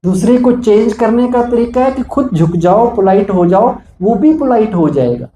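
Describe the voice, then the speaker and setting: A man delivers a preachy motivational talk to police staff, asking rhetorical questions as he goes. His voice sits high but sounds mellow and dark. It echoes through a hall with faint background ambience. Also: animated, moderate pace, a little hiss or hum. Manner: preachy, asks rhetorical questions, acts out examples. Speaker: spiritual motivational speaker.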